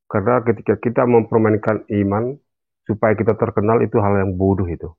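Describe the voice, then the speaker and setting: Seorang pria yang bergabung dalam diskusi daring lewat sambungan telepon, berbicara sungguh-sungguh dengan nada menasihati. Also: male voice, fairly low pitch, fairly even intonation, fairly quick, creaky, husky. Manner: earnest, admonishing. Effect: heard over a phone line. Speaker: caller joining an online discussion. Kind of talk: casual opinion sharing. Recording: tinny phone-line sound.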